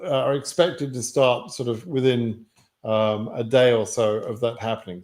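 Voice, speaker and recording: In a medium-pitched, darkish voice, a British man hosting a livestream Q&A reads out viewer questions and gives blunt, matter-of-fact answers. The questions concern the immigration lottery.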